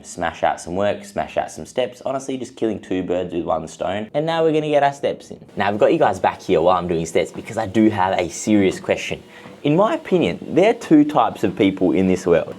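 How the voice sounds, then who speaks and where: A man's voice: low voice, a little mellow. A young man, an online fitness coach chatting upbeat and casual straight to his viewers in a day-in-the-life vlog.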